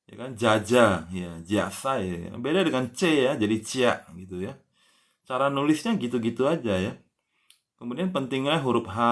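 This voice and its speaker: A man teaching language on a casual live stream, patiently drawing out example words and spelling them letter by letter, with a soft "ya" closing almost every phrase. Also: medium pitch.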